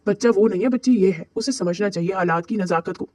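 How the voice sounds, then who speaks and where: A man voicing a stern middle-aged mother-in-law who speaks in a sharp, scolding way. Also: medium pitch, fast talker, no room sound, lightly acted. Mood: annoyed.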